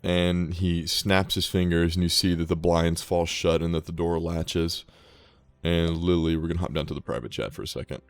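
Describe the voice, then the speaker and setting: Deep flat-voiced game master. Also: male voice, normal speed, dry recording, soft background music. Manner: relaxed, with hesitant restarts. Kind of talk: narrating a tabletop game.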